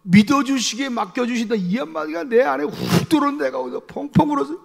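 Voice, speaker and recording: A male pastor preaching a sermon, telling a personal story in an animated, emphatic way with lots of repeated fillers. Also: very high-pitched, quick pace, gravelly, in a large hall. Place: church sanctuary.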